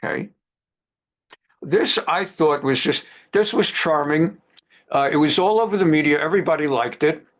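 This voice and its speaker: A man's voice: on the high side, normal speed. A man teaching a lecture on current events who talks emphatically and repeats phrases for stress. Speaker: religious teacher.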